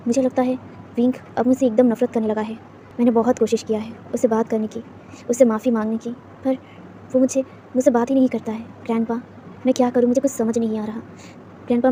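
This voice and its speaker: A woman's voice: high-pitched, dark tone, slight background noise. A woman voicing a lovesick young male boss who stammers and pleads through tears, in a storybook reading.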